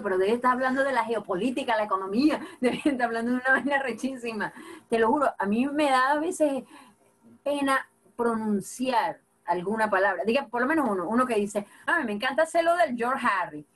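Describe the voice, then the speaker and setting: A woman comedian with a Venezuelan accent speaks as a podcast guest. Her voice is slightly high, and she tells stories with lively slang and frequent laughter. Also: a little fast. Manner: animated, laughing, slangy storytelling. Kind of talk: casual podcast conversation.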